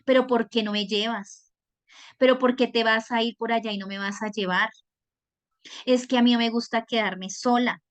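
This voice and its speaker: A woman voicing a jealous young woman who pleads with her partner in rapid questions, as part of a lesson story. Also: a little high, fairly even intonation, close to an everyday voice. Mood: pleading.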